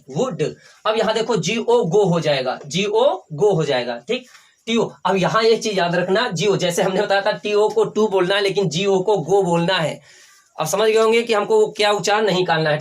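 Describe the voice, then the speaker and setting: A male teacher from India giving a classroom phonics lesson, spelling words letter by letter, asking questions and answering them himself, often checking in with "ठीक है". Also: high-pitched. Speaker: English teacher.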